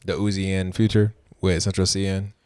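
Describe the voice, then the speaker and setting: Casting: male American podcast co-host, low pitch, close dry sound, informal slangy chat. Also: level tone, fairly quick, a little mellow, clear, resonant tone, no room sound. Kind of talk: casual banter.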